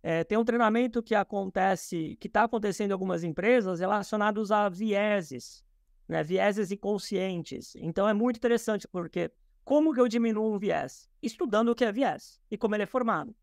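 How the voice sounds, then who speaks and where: A man's voice: high voice, normal speed, no echo, studio quality. A man from Brazil, a podcast guest, explaining ideas in a thoughtful way with many fillers and restarts, speaking from his office over a video call. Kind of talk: explanatory interview talk.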